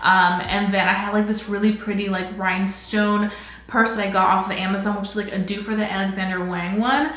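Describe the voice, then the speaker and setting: A woman's voice: medium pitch, little pitch movement, a little fast, a bit bright. A woman in her twenties chatting casually while doing her makeup, filling her talk with "like" all the time. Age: 20s. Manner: chatty, fills with "like" constantly. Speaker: beauty vlogger. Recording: very echoey room.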